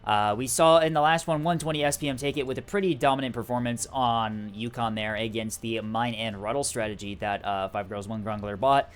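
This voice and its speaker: A man's voice: medium pitch, a little fast, hardly any pauses, smooth. A man giving live esports commentary on a strategy game tournament, chatty and full of fillers. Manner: chatty, filler-heavy play-by-play with frequent "uh" and "um". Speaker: tournament caster.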